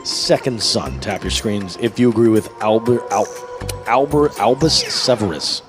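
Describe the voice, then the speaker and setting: Male quizmaster, animated delivery, bar venue with background music. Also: lowish voice, measured pace. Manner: lively, laughs often, teasing. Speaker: pub trivia quizmaster. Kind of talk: reading quiz questions to teams, casual banter. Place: burger bar, indoors. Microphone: microphone at a venue table. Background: music playing.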